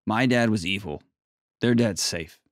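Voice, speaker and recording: A man with a fairly deep voice coaches a caller in a conversational style. He is plain-spoken and folksy, leaning on key words for emphasis. The sound is very dry, with no room around it. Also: a little slow, dry recording. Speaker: advice show host counseling a caller.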